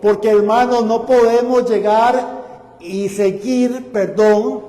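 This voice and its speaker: A man preaching a fervent sermon as pastor, building to loud exclamations. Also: high-pitched, fairly even intonation, slow. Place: church sanctuary. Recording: echoey church hall.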